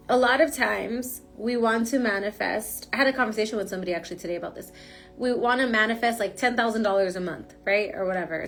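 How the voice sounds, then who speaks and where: With a cold making her voice stuffy, a woman rambles chattily through a casual tarot reading, using lots of fillers. Her voice is mid-range and a bit bright.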